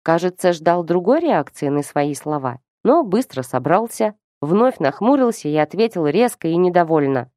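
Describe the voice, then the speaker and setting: A woman narrating a fantasy novel in a steady storytelling manner. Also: lowish voice, normal speed, hardly any pauses, no echo, studio quality. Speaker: audiobook narrator. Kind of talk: scripted narration.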